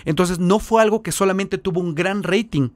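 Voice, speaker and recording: A Mexican man with a Mexican accent, a missionary guest, telling his stories in an animated way and acting out the voices. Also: high-pitched, normal speed, no echo. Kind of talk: storytelling in an interview.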